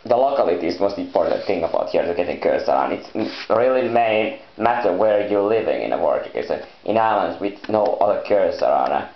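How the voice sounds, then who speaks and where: Male vlogger, non-native English, lowish voice; halting, repetitive solo rambling, dull roomy recording. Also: animated. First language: not English. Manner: halting, repetitive, with loose broken phrasing. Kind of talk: rambling unscripted solo vlog talk. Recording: echoey room, dull muffled sound.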